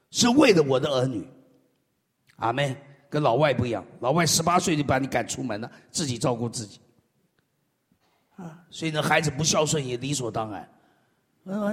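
A man preaching a sermon, swinging between loud exclamations and low murmured amens. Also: breathy edge. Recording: echoey hall.

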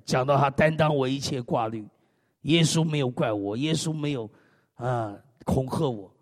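A male pastor preaching an animated, humorous sermon, punctuating it with frequent hallelujahs and amens. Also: mid-range voice, in a large hall.

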